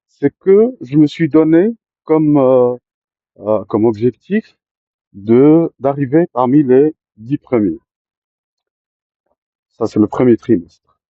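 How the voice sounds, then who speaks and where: A man telling his own life story to listeners, often pausing with fillers and restarting his sentences. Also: mid-range voice, no echo, narrow, tinny audio. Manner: hesitant, many fillers and restarts. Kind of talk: personal storytelling to camera.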